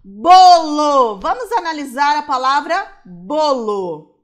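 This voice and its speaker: A Brazilian woman teaching a primary school class, sounding out words slowly syllable by syllable. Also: sits high, very animated. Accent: Brazilian Portuguese. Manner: slow, syllable-by-syllable explaining.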